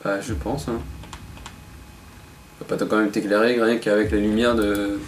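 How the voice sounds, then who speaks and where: A man's voice: lowish voice, level tone, unhurried, echoey room. A young man making casual gameplay chat as co-commentator on a horror game video. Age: young adult. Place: dim room at home. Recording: noisy home recording.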